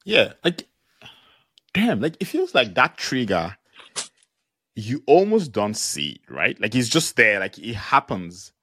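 A man's voice: mid-range voice, very animated, takes it slowly, pauses often, sharp tone, husky, no echo, clean studio sound. A man hosting a conversational interview, thinking aloud reflectively with frequent restarts. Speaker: podcast host.

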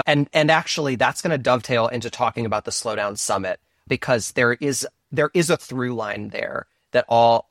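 A man in his thirties, a podcast guest who talks in an animated, self-deprecating, rambling way. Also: medium pitch, no echo, studio quality. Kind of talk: casual interview chat.

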